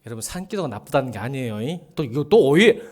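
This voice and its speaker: Animated pastor with a lively voice. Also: male voice, medium pitch, quick pace. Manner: animated, joking with the congregation, bursts into shouting. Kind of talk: sermon. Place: church sanctuary.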